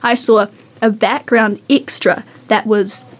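A young woman with a New Zealand accent, telling stories in a relaxed, chatty way on a youth radio show. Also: fairly high pitch, takes it slowly. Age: young adult. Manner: relaxed storyteller, many fillers. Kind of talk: casual radio chat.

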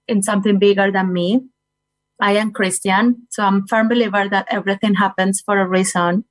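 A woman's voice: mid-range voice, no echo, poor audio. A woman in her forties from Colombia, speaking English with a Colombian Spanish accent, giving an earnest personal talk straight to listeners. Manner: earnest, direct address to listeners, non-native phrasing. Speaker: guest speaker. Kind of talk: personal talk on well-being.

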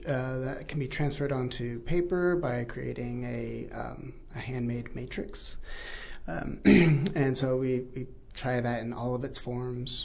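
A gravelly-voiced man talks through printmaking techniques as an interview guest. He explains patiently, filling gaps with ums and uhs. The recording sounds muffled and lo-fi. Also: mid-range voice. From born in New Zealand, raised in Texas. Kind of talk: casual interview.

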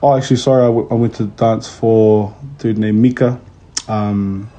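A man's voice: fairly low pitch, fairly even intonation, normal speed, warm tone. A man in his thirties with a New Zealand accent, chatting casually as an interview guest. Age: 30s. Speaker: kapahaka tutor, interview guest. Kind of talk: casual chat.

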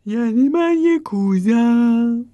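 A woman voicing a gentle, gloomy bear in a storybook, speaking softly and hesitantly. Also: fairly high pitch, expressive, highs cut off, heavy background noise, natural voice. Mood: doubtful. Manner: soft, hesitant and sighing. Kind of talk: storybook voice acting.

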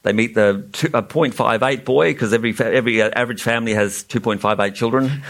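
A man's voice: mid-range voice, fast, fairly bright tone. A man with a New Zealand accent, a children's author reading a book aloud at a festival panel with jokey asides, laughing at the puns and lifting his voice for the characters' lines.

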